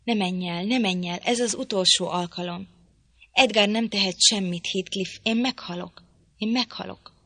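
A woman's voice: medium pitch, a bit bright, breathy edge, no room sound. A woman reading as a frantic, clinging young woman. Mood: pleading. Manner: pleading, insistent. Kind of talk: audiobook reading.

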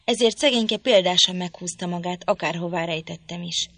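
Woman reading an audiobook, calm and measured, dry close studio mic. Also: on the low side, no echo. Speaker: audiobook narrator. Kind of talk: scripted narration.

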